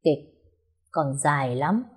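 A woman voicing a cold, calm, vengeful young woman who speaks in a quiet, measured way in an audio story. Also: sits low, breathy edge, heavily acted.

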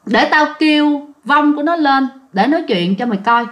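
A woman's voice: high voice, animated, normal speed, lo-fi sound. A woman storyteller voicing a stern male shaman who questions a spirit. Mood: stern questioning. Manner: commanding, interrogating.

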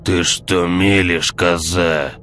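A man voicing a hoarse, scarred, one-eyed male thug in an audiobook, coarse and swearing. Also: sits low, flat delivery, a bit bright, soft background music. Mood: rough. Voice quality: hoarse, barely human rasp. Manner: coarse, swearing, slow and heavy. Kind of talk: audiobook character voice.

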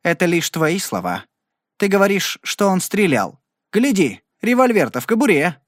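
A man's voice: high voice, sing-song, fairly quick, no echo, clean studio sound, pitched above the performer's own voice. A man reading an audiobook and voicing a scheming rancher who gloats and mocks. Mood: gloating. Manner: gloating, mocking.

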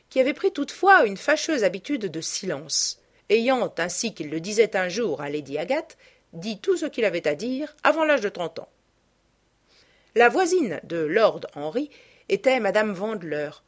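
A woman narrating a classic novel as an audiobook, with an expressive, animated delivery. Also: mid-range voice, husky.

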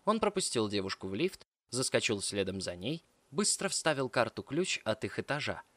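A man reading audiobook narration in a steady, even way. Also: mid-range voice, normal speed, no echo. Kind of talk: scripted narration.

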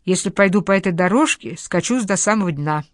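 A woman reading an audiobook, voicing an earnest, troubled male doctor who speaks calmly and seriously. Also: on the low side, a little fast, no echo, studio quality, lightly acted. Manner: calm then anxious, earnest. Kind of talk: audiobook character voice.

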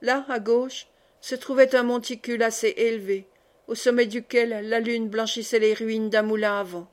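A woman's voice: on the high side, flat delivery, moderate pace. Woman reading a classic novel aloud. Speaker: audiobook narrator. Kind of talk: literary audiobook reading.

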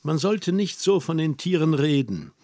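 A man's voice: on the high side, big pitch swings, moderate pace, mellow, dry recording. Man reading a playful young woman, dreamy and bossy, coaxing tone, audiobook, dry sound. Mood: musing, coaxing.

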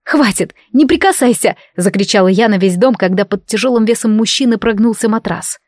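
A woman narrating a fantasy romance novel in the first person, with an expressive reading. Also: mid-range voice, quick pace, no echo, studio quality. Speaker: audiobook narrator.

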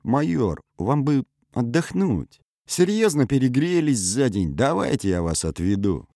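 A man voicing a calm officer who placates a drunk superior, deferential and soothing, in a raised voice. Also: medium pitch, a little slow, gravelly, dry recording, studio quality, voice pushed up. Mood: placating.

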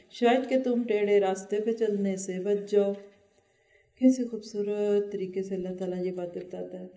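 A woman's voice: medium pitch, dark tone, roomy sound. A woman giving an earnest Quran commentary lecture, often asking her listeners questions. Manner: earnest, asks the audience questions. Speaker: Quran teacher.

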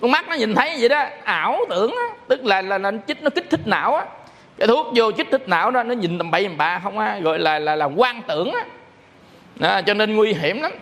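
Man, Buddhist monk, high voice, animated storytelling sermon, long reverb. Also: a little fast. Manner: animated storyteller acting out phone calls.

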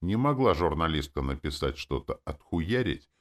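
A man's voice: very deep voice, very animated, moderate pace. A man reading an audiobook, voicing a stern, self-assured young male soldier who grumbles and lectures like a know-it-all. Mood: lecturing. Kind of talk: audiobook character voice.

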